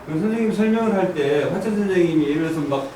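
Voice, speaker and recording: A man's voice: high voice, racing, mellow, a little hiss or hum. A man teaching an I Ching class, quizzing the students and drilling the readings aloud. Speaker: I Ching lecturer. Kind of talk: classroom lecture. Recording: echoey room, from far off.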